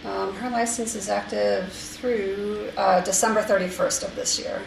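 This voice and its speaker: A woman's voice: mid-range voice, fairly even intonation, a little slow, creaky, roomy sound, background noise. A woman on staff reporting to a board meeting, hesitant with frequent ums.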